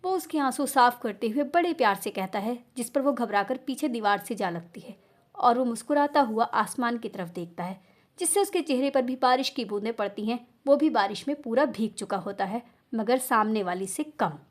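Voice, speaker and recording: A woman with a high voice narrates a dramatic novel, reading with emotive, steady storytelling. The delivery is measured and expressive throughout.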